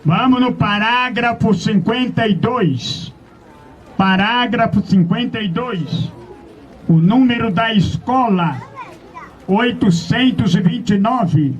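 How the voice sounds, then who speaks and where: A man's voice: high-pitched, slow pace, a little hiss or hum. A man preaching an open-air sermon, questioning his listeners and drawing out verse references. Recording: dull lo-fi outdoor recording.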